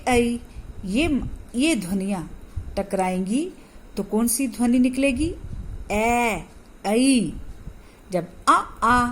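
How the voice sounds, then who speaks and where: Woman teacher, slow and patient, higher voice, faint background noise, lesson delivery. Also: poor audio. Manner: slow, patient explaining with repeated questions. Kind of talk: classroom grammar lesson.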